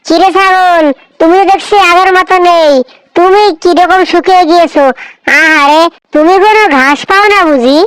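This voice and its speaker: A boastful cartoon fox who brags and schemes, voiced by a woman. His high voice is dry and close to the mic. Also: normal speed, fairly bright tone, no echo, faint music behind, poor audio. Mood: scheming. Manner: boastful, scheming, laughing slyly. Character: sly boastful male fox trickster.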